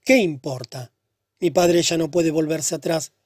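Man reading as Helen, a soft weary young woman. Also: low voice, unhurried, slightly rough, no room sound, clean studio sound. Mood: pleading. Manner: soft, subdued and hushed. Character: pale troubled young woman, sad and weary.

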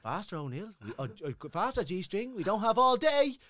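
A man's voice: high-pitched, big pitch swings, moderate pace, dry recording, studio quality, pitched above the performer's own voice. Man doing a furious Irish sergeant major. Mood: barking orders. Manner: loud, barking, stammering with annoyance. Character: angry stuttering male army sergeant major.

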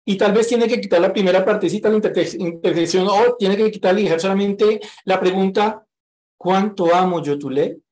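A man preaching a sermon who reads scripture aloud and then explains it frankly, slowing down to repeat a verse with rising emphasis. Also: sits high, steady tone, darkish tone.

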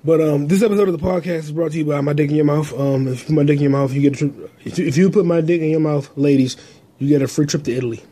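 Brief: male podcast host, mellow husky tone, crude rambling talk into a handheld phone. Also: a little high, fairly even intonation, rapid-fire. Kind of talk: casual solo monologue. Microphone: phone held in hand.

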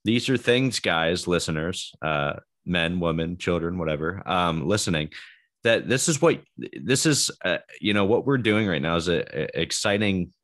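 A man's voice: low-pitched, animated, moderate pace, a bit bright. A man co-hosting a podcast, talking about scripture in an enthusiastic, hesitant way, laughing easily. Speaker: podcast co-host. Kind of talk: casual Bible chat.

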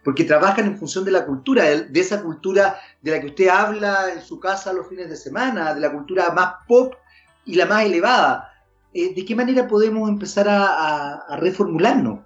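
A man's voice: high voice, lively intonation, brisk, faint music behind. A man hosting a podcast, asking long, hesitant questions full of restarts and fillers. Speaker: podcast host. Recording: dull lo-fi audio.

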